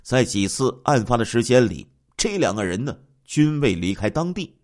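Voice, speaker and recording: A man's voice: mid-range voice, sing-song, moderate pace, a little mellow. A man telling a true crime story with theatrical flair. His mid-range voice leaps up and drops down constantly, punching lines with exclamations and wry, colloquial asides. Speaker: narrator.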